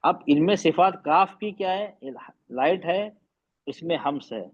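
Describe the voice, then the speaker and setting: A man teaches an online class in a fairly high voice, explaining patiently and going over each point again. He slips English phrases into his talk. The sound is muffled, as over a video call. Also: unhurried. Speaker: tajweed teacher.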